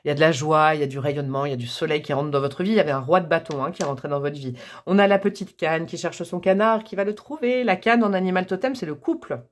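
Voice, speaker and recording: A woman's voice: sits low, fast talker. Chatty, playful woman reading tarot. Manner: chatty and playful, joking and laughing at herself; talks straight to viewers, coaxing and encouraging. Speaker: tarot card reader. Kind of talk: casual tarot reading to camera.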